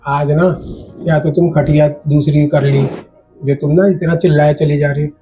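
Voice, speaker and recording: A woman's voice: sits low, steady tone, normal speed, over music. A woman acting a teasing, whiny partner in a comedy sketch. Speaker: comic actress.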